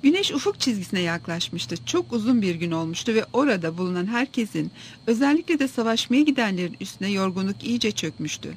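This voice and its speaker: A narrator reading a first-person story aloud in a steady, even manner for an audiobook. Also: mid-range voice, fairly quick, a little hiss or hum.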